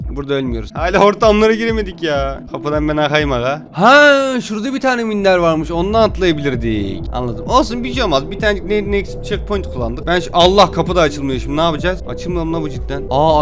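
Young dude streaming a game, high voice, goofy running commentary, goes from mumbling to yelling, light music in the back. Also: male voice. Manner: excitable, jokey, swings from mutters to yelps and shouts. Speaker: gaming YouTuber. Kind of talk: casual let's-play commentary.

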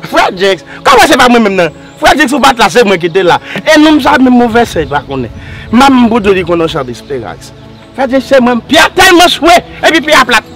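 Male actor for a boastful miracle-worker role, high and animated, insistent, soft music bed. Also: fairly quick, heavily acted. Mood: excited. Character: boastful man claiming to work miracles for pay. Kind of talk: amateur drama acting.

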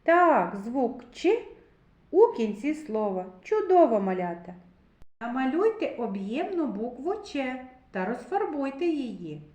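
A woman teaching a literacy lesson to young children, slowly sounding out syllables and words in a sing-song way. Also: high voice, big pitch swings, a little mellow, roomy sound. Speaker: kindergarten teacher.

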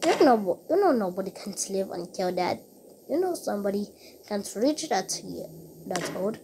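A woman chatting casually over a game, rambling and repeating herself with halting restarts. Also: medium pitch, big pitch swings, warm tone, a little hiss or hum.

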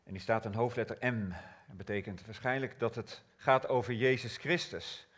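A man preaching a sermon, slow and prayerful, rising to loud emphatic scripture reading. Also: medium pitch, husky.

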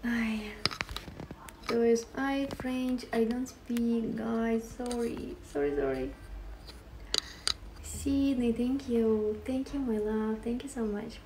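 A Ukrainian woman hosts a casual livestream, greeting and thanking viewers, giggling often and switching between languages. Her slightly high voice is extremely slow, heard reverberant and distant against a noisy background.

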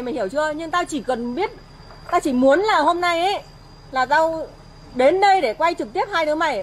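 Woman, angry scolding, very fast, high-pitched, outdoor night noise. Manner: shouting angrily, scolding. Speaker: wife confronting husband. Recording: faint outdoor noise with crickets.

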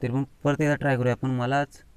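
A man with a Konkani Marathi accent, chatting excitedly as he films a demonstration on his phone and swears mildly at it now and then. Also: mid-range voice, fast talker, background noise. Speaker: vlogger. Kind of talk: casual outdoor demonstration vlog. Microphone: phone camera.

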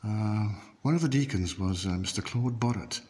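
A video tour guide with a fairly low, darkish voice strolls through a library and down a high street, narrating casually and saying "uh" as he points out sights. The noisy handheld phone recording carries room ambience.

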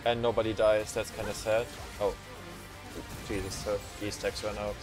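A man streaming a game on a headset mic, reacting with excitable swearing and laughter. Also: on the low side, moderate pace. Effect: livestream headset mic audio. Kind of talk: live gameplay commentary. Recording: streamed voice with game music behind. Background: game music.

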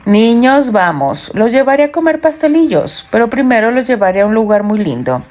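A woman's voice: fairly high pitch, big pitch swings, moderate pace, soft background music. A woman voicing a motherly middle-aged grandmother who cares for the children. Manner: warm, motherly.

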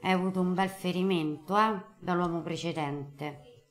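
A woman's voice: fairly low pitch, fairly even intonation, normal speed. A middle-aged woman hosting a live call-in card reading, emphatic and affectionate, using endearments. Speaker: host, tarot card reader. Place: TV studio. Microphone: lapel mic.

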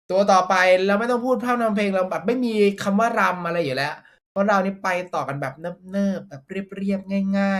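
A young male streamer talks through opening player packs in a mobile football game. His pitch leaps all over the place. He breaks into loud outbursts and swearing whenever a card is revealed. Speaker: gaming streamer host. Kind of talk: excited pack-opening commentary.

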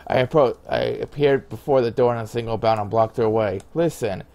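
A man's voice: fairly low pitch, a little fast, darkish tone. A man reading a visual novel aloud, who stumbles over words, restarts them, and mutters asides to himself. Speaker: game narrator.

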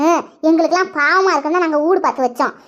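A woman talking quickly in a gossipy way, voicing a village cartoon scene. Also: very high-pitched, fairly bright tone. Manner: chatty, gossiping, laughs while talking. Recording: slightly dull lo-fi audio.

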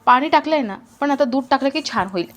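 Calm young husband, as a woman reads him. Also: high voice, fast. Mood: reassuring.

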